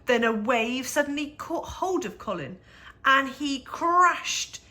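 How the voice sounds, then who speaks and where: A woman reads a rhyming picture book aloud to young children in a high-pitched voice. Her storytelling is measured and expressive, with dramatic emphasis.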